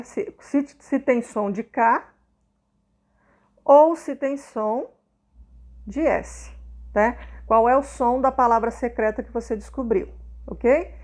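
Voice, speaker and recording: Woman, teacher, slightly high voice, patient, repetitive, checks understanding. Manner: patient, repeats and checks understanding with tag questions. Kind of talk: explanatory lesson for young students.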